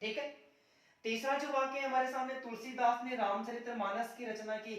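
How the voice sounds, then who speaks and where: A man with a high voice teaches an exam grammar lesson. He asks a question, answers it himself, and calls his viewers "friends" again and again. He stands far from the mic in a very echoey room. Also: flat delivery, moderate pace, a bit bright.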